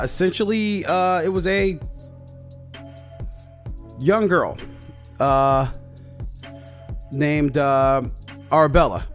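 Solo on his podcast, a man casually runs through a recap of his tabletop campaign in a slightly hoarse, medium-pitched voice, rambling and frequently restarting amid many fillers.

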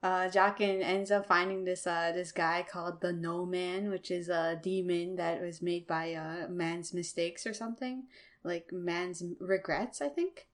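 Hesitant woman with a lowish voice. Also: fairly even intonation, measured pace. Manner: hesitant, many "uh" and "um". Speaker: podcast guest recapping. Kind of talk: casual recap.

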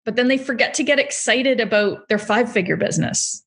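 A woman's voice: fairly high pitch, brisk, fairly bright tone. A woman co-hosting a business podcast, chatting enthusiastically, laughing often and acting out little quoted thoughts. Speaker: podcast co-host, business coach. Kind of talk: casual chat.

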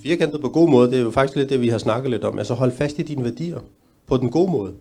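A middle-aged man answering a question at a talk, earnest and measured, sometimes restarting a sentence. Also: medium pitch, darkish tone. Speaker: panel speaker.

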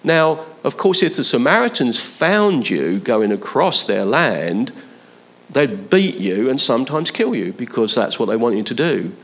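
A man's voice: mid-range voice, sing-song, unhurried, fairly bright tone. A man preaching a conversational sermon, building to emphatic appeals to his listeners. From London, England.

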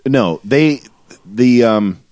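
A man's voice: mid-range voice, lively intonation, very slow, a little mellow, dry recording, studio quality. A man co-hosting a podcast, joking around and swearing freely in casual banter. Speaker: podcast co-host.

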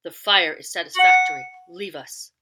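A woman's voice: lowish voice, normal speed, over loud music, lightly acted. A woman reading aloud and voicing a stern, cold middle-aged master who speaks in curt commands. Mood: commanding.

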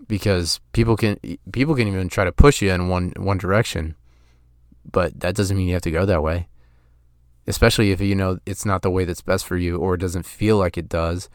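This motivational podcast is hosted by a man in his thirties whose deep, smooth voice comes through a dry, clean studio recording. He talks earnestly, often restarting and leaning on "you know."

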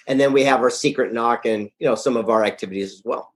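A man's voice: mid-range voice, fast talker. A man being interviewed as a guest, talking in an upbeat, punchy and blunt way. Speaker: guest, author and event founder. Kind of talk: casual interview talk. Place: Carlsbad, California.

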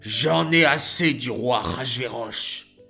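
A man's voice: medium pitch, slow pace, creaky, pushed and bright, soft background music, heavily acted. A man voicing a scheming palace guard who whispers and sniggers in a children's story. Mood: plotting.

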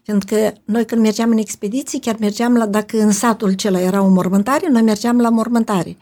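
A woman's voice: mid-range voice, fairly even intonation, dark tone. An older woman folk singer, explaining things earnestly in an interview. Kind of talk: interview conversation.

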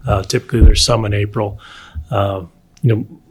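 Man explaining in a measured, hesitant way. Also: lowish voice, steady tone, slightly rough, poor audio. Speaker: bison producer being interviewed. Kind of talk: explanatory interview talk.

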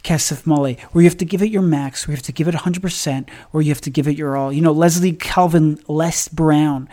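A man's voice: a little high, steady tone, brisk, mellow. A man hosting a podcast, giving a motivational religious talk with emphatic, repetitive phrasing that builds through stacked lines.

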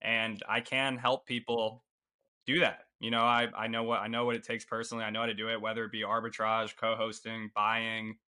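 A man who is a guest on a podcast, answering casually and haltingly, with many "uh"s and restarts. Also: fairly low pitch, monotone, sharp tone, smooth. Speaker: podcast guest, rental investor.

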